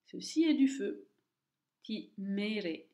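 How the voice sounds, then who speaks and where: A woman teaching Tibetan reading, speaking slowly and carefully and repeating each word twice for the listener. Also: mid-range voice, animated, mellow. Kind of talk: slow, deliberate language lesson. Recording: echoey room, dull lo-fi sound.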